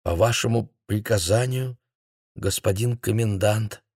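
A man's voice: lowish voice, animated, moderate pace, no room sound, clean studio sound, close to an everyday voice. A man voicing a young woman interpreter who speaks in a subdued, curt way.

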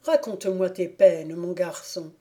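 A woman's voice: on the low side, measured pace, mellow, natural voice. A woman voicing a shrewd clog-maker who teases his cousin in a knowing, mocking way, in an audiobook. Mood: teasing. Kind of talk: audiobook character reading.

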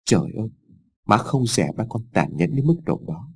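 Male narrator as a fearful, sobbing old mother; soft, mellow, pleading. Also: mid-range voice, lively intonation, fairly quick, breathy edge. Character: frightened tearful older village mother.

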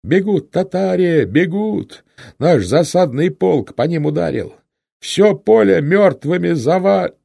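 A man voicing an excited male mounted scout who exclaims loudly in a raised voice. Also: normal speed, vocal fry, no room sound, heavily acted. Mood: excited shouting. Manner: loud, exclaiming, high-pitched.

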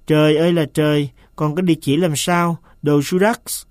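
A man voicing an anxious master who turns shrill and hissing when upset, read as an audiobook in a dry, close sound. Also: steady tone, normal speed, no room sound, natural voice. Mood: shrill, furious.

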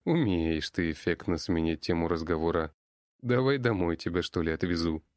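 A man's voice: low-pitched, animated, moderate pace, darkish tone, dry recording, studio quality. A man reading an audiobook voices a young male friend who talks in a casual, smirking way. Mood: wry.

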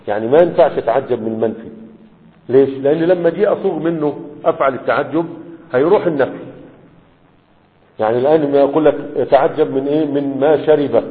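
A man teaching morphology in a lecture, often asking rhetorical questions and checking that the students follow. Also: mid-range voice. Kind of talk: explanatory lecture. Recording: tinny phone-like audio with long hall reverb.

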